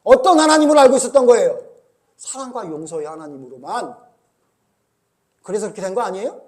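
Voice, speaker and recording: A man preaching from the pulpit in a strikingly high voice. He keeps putting questions to the congregation and presses them hard in a scolding tone. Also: expressive, brisk. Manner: rhetorical questions to the congregation, rising to forceful rebuke. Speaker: pastor. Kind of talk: sermon.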